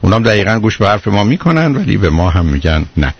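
A middle-aged man giving parenting advice to callers on a radio call-in show, in a calm and patient manner. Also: fairly low pitch, breathy edge. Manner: calm, patient, explaining at length. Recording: muffled radio broadcast.

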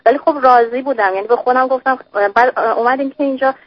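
A woman's voice: high voice, fairly even intonation, slightly rough, no echo. A woman calling in to an advice radio show by phone, telling her story in a rambling, hesitant way and dropping in English words. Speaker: caller. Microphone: telephone. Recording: muffled phone line on radio.

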